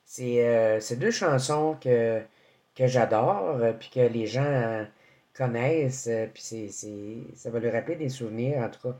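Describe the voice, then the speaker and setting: A man at an ordinary pitch hosts a radio interview in French, chatting freely and laughing easily with his guest. His delivery is loose and conversational, full of small fillers. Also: a little slow, mellow. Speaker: radio host.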